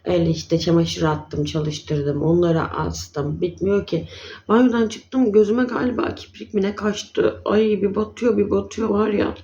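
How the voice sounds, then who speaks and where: A woman's voice: mid-range voice, steady tone, a little slow, warm tone, muffled recording, a little hiss or hum. A woman chatting casually in a vlog, affectionately calling her viewers dear ones. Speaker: vlogger.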